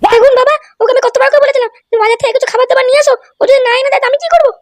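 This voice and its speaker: A woman voicing a sweet, plaintive young wife in a cartoon, squeaky and complaining. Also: steady tone, racing, dry recording.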